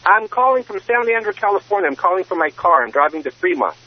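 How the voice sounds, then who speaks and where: A man calling in over a phone line from his car, speaking slowly and politely with some hesitation. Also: high voice, lively intonation. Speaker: caller. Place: driving car.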